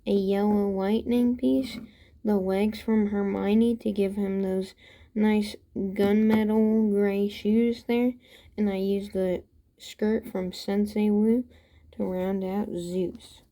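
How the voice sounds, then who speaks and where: A woman talks through a casual show-and-tell in a slow, easy rhythm. Her voice is soft and dark in tone, and she hedges often, pausing to admit she isn't sure. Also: mid-range voice. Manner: relaxed, unsure, hedging asides. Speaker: toy-building channel host.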